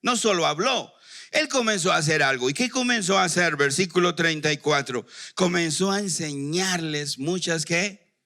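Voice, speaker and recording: A man's voice: fairly high pitch, moderate pace, pushed and bright. A man preaching a sermon as pastor, who asks the congregation questions and leaves them to fill in the answers.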